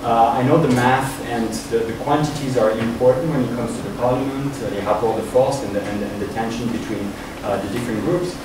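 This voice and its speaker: A Swiss man with a mid-range voice gives an informal conference talk as an academic guest speaker, improvising from notes in a university room. He speaks haltingly, searching for words, and the recording is noisy, with a distant mic and an echoey room.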